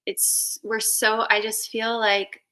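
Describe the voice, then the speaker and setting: Bright-voiced woman in affirming chat. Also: a little high, level tone, takes it slowly. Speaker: fellow spiritual practitioner. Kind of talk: casual chat.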